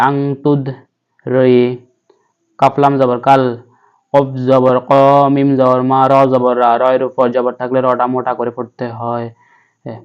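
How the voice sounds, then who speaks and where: A man's voice: medium pitch, a little mellow, clean tone, dull audio. Patient man spelling out Quran letters. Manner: spells letters and vowel marks one by one, then chants the verse slowly. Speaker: Quran teacher. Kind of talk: spelling-out Quran recitation lesson.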